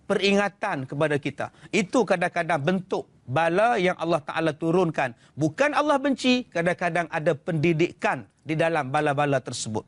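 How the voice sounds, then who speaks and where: A man's voice: on the high side, normal speed, few pauses, dry recording. A man with a Malaysian Malay accent giving a religious lecture, answering audience questions and telling funny stories with acted-out voices. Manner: humorous storytelling, acts out voices. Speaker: preacher.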